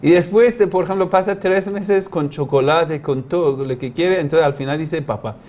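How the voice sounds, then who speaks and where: A man's voice: fairly high pitch, moderate pace, darkish tone. A man who is a religious teacher, giving a lecture in non-native Spanish with grammar slips, explaining with rhetorical questions, homespun examples and humorous asides.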